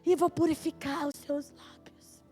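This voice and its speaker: A woman voicing a seraph who speaks in a low, hushed, breathy way. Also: fairly even intonation, measured pace, soft background music. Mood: tender.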